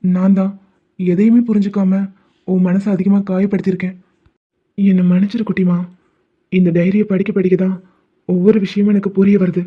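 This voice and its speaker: A man's voice: high voice, level tone, moderate pace, long pauses. A man voicing a sensitive young student who grew up without parents, in a cartoon. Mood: sorrowful. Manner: pleading, tearful. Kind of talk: animated cartoon voice acting. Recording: tinny phone-like sound.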